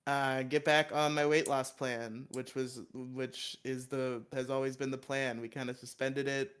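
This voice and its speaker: A man in the middle pitch range co-hosting a loose podcast conversation. He jokes, swears freely and laughs often. His voice jumps sharply higher when he gets excited. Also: measured pace, clean tone. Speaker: podcast co-host. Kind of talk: casual podcast chat.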